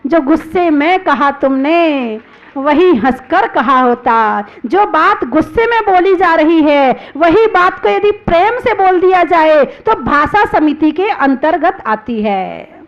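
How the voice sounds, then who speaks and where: A woman, a Jain nun, preaching a sermon, chanting verses slowly and explaining them with rhetorical questions. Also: sits high, expressive, highs cut off. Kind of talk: religious sermon.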